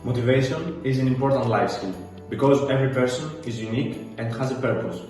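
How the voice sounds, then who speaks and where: A man's voice: medium pitch, fast talker, darkish tone. A young man from Crete with a Greek accent recites a formal student statement. He sounds distant in a reverberant hall, with faint music underneath. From Crete, Greece. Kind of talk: prepared statement. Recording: echoey hall, far from mic. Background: faint background music.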